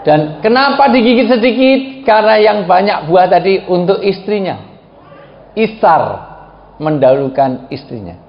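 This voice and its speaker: A male preacher, giving an animated, joking sermon and acting out voices. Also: high voice, unhurried. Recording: echoey, dull hall recording.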